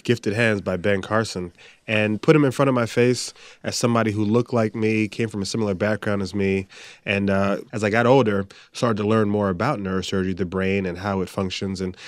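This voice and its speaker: A man's voice: lowish voice, no echo. A young man from the Bahamas, a new doctor, giving earnest, articulate interview answers. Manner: earnest and articulate, some restarts. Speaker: guest, new medical doctor.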